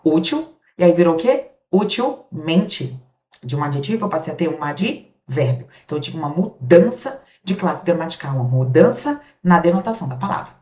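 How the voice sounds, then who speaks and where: Low-voiced Brazilian woman teaching grammar. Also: lively intonation, normal speed, darkish tone. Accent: Brazilian Portuguese. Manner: asks and answers her own questions, casual check-ins. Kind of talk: grammar lecture. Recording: roomy, dull lo-fi sound.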